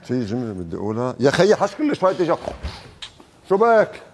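A man's voice: mid-range voice, wildly swooping pitch, fast talker, slight background noise. A man, an actor in an ad shoot, exasperated and pleading. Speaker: actor in an ad shoot, prank target. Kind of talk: hidden-camera prank reactions.

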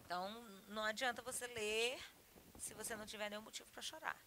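A woman teaching a Portuguese grammar lesson with a Brazilian accent, explaining in an expressive, emphatic way and often checking in with her students. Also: a little high, fast, a little hiss or hum. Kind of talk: recorded classroom lesson.

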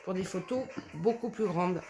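A woman's voice: lowish voice, moderate pace, mellow. Gushing woman showing off scrapbook papers. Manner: enthusiastic, gushing over papers with many fillers; addresses viewers affectionately. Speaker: scrapbooking vlogger. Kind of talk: casual product haul show-and-tell.

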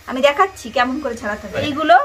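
Chatty high-voiced woman vlogging at home. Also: fast talker. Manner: chatty, lively, addresses viewers directly. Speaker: vlogger and mother. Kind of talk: casual home vlog chat to viewers. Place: family home indoors.

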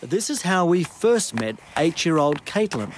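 New Zealand male reporter, higher-pitched voice, measured news read, light hiss behind. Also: very animated. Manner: measured, scripted delivery.

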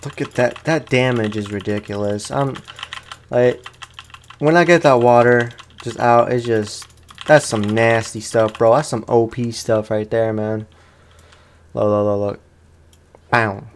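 There's slight background noise as a man with a mid-range, steady voice speaks at a measured pace, leaving long pauses. He's a gaming host doing casual let's play commentary, slangy and talking both to himself and to the game enemy.

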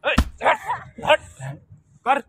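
A man's voice: very slow, fairly bright tone, slight background noise. A young man acting in a staged vlog skit, playing a bystander who confronts a bully with curt, repeated orders. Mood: interrogating. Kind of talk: staged street drama.

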